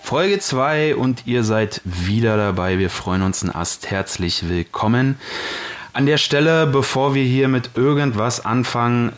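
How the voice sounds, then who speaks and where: A man co-hosting a podcast in a chatty, joking way. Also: mid-range voice. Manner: jokey, chatty, with fillers. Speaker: podcast co-host. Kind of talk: casual chat.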